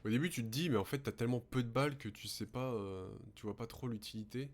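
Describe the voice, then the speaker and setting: A man's voice: medium pitch, quick pace. A man commentating a horror game as a scared streamer, swearing and muttering to himself. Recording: steady background noise with hum.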